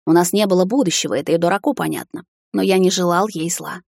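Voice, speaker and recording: A woman reading a fantasy novel aloud in a measured, expressive narration. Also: fairly low pitch, creaky, no echo, studio quality. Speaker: audiobook narrator.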